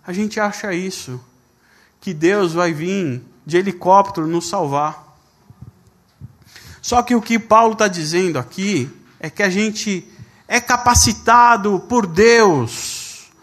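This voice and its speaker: A pastor delivering a sermon in a notably high voice. He reads scripture at an unhurried pace and acts out the voices in his stories. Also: fairly bright tone. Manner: storytelling with quoted dialogue.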